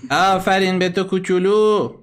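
A man's voice: sits high, little pitch movement, clear, resonant tone. A man hosting a satellite call-in program, playing listener messages and bluntly scolding and insulting critics.

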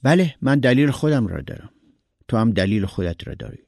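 A man's voice: medium pitch, sing-song, gravelly, darkish tone, no room sound, clean studio sound. A man voicing a blunt, philosophical male friend who lectures. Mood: lecturing.

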